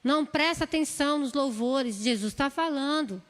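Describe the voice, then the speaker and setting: At normal speed, a woman preaches in a church hall, her voice high and her accent from São Paulo, Brazil. Her plea is earnest and repetitive, circling the same phrases, and a lengthy reverb follows every line around the room.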